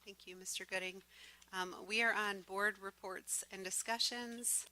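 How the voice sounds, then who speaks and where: A woman leading a school board meeting, giving a fast legislative update full of ums. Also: mid-range voice, fairly even intonation, sharp tone, low-quality recording. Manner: fast-talking with many ums. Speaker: board president.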